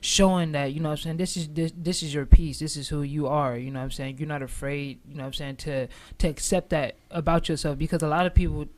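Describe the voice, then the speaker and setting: A man's voice: on the high side, fairly even intonation, fast talker, few pauses. A man co-hosting a casual radio show, speaking in a laid-back way and repeating "you know what I'm saying". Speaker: co-host. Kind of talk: casual radio chat and freestyle rap.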